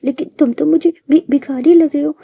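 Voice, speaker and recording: A woman's voice: high voice, steady tone, fairly quick, gravelly, highs cut off. A woman voicing a bratty, spoiled young boy who whines and teases insistently in a story narration. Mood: teasing. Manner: whiny, insistent.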